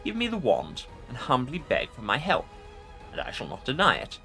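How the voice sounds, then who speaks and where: A man performs an ancient undead lich from a fantasy game, pompous and scornful. The delivery is forceful and swings widely in pitch as he issues haughty, formal pronouncements, with music underneath. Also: big pitch swings, brisk, exaggerated voice. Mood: commanding. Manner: pompous, imperious formal speech. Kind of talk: dramatic video game role-play reading.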